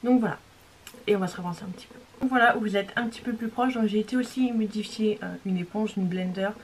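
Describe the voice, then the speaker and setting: A young woman chats through a beauty tutorial at an ordinary, mid-range pitch. She rambles with plenty of fillers and now and then slips into a whisper. A faint hiss of noise sits under the recording. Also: fast talker. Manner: chatty and rambling, many fillers, drops to a whisper at times. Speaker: beauty vlogger. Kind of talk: casual makeup tutorial chat.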